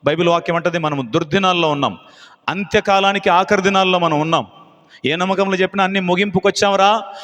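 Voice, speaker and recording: High, bright-voiced preacher man in a reverberant hall. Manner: impassioned, rhetorical questions, mimics voices. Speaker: pastor. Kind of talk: live Telugu sermon. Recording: live hall with long reverb.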